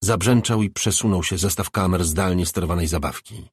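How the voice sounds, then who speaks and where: Low, husky male audiobook narrator. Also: a little fast, no room sound, clean studio sound.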